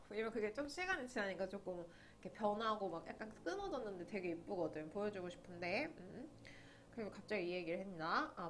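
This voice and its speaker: A woman's voice: medium pitch, a bit bright, slight background noise. Chatty woman teaching English grammar. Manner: chatty, asks students to confirm often. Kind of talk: online grammar lecture.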